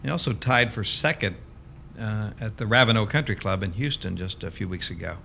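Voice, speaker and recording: A man's voice: lowish voice, fairly quick, creaky, sharp tone, slight background noise. A man working as a golf commentator, giving conversational, chatty analysis of play with some hesitation.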